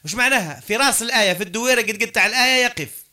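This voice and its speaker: A man's voice: very high-pitched, expressive, rapid-fire, sharp tone. A man teaching a class with an Algerian Arabic accent. He mixes dialect with classical Arabic and keeps asking his students questions as he explains. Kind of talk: classroom lecture.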